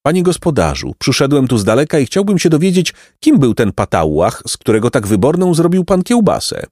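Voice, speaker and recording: A man's voice: medium pitch, sing-song, a little fast, a little mellow, dry recording, studio quality, pitched above the performer's own voice. A man voicing a humble, crafty young man speaking politely, in a raised voice.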